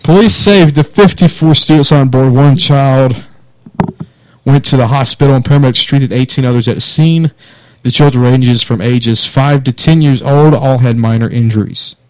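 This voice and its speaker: A man's voice: mid-range voice, normal speed, dry recording, poor audio. A man hosting a casual podcast, reading odd news stories in a wry, laughing way. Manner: wry, laughs through stories, mock newscaster delivery. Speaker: podcast host.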